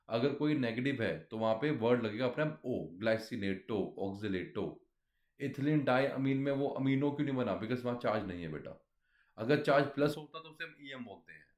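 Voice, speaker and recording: A man's voice: medium pitch, darkish tone. A man teaching a chemistry class, explaining step by step and often quizzing his students. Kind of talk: classroom lecture.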